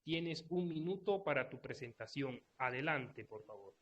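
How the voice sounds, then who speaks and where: A man's voice: mid-range voice, lively intonation, moderate pace, fairly bright tone. A man moderating a live online debate, formally laying out the rules step by step. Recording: dull lo-fi online audio.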